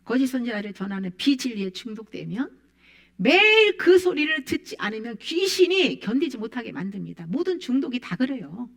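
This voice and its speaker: A woman's voice: a little high, big pitch swings, moderate pace, gravelly, fairly bright tone. A woman preaching a sermon, quoting scripture with emphatic rises and falls. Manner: emphatic, rising and falling preaching voice.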